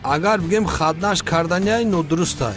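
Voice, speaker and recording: A man's voice: a little high, lightly acted. A man dubbing a chatty sidekick character in a film, over music.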